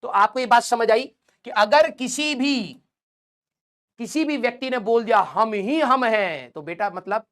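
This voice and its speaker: A man teaching physics in a joking, teasing manner, with playful scolding and sudden shifts between loud and soft. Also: very high voice, unhurried. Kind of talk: comic classroom lecture.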